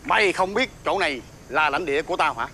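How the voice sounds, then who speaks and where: A bullying cockfight boss in a TV fairy-tale drama, speaking. He barks threats and orders in a tense, bright, sharp-edged voice pitched high for a man. A faint hiss sits underneath. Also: expressive, fast. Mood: threatening. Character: bullying male cockfight ring boss, menacing.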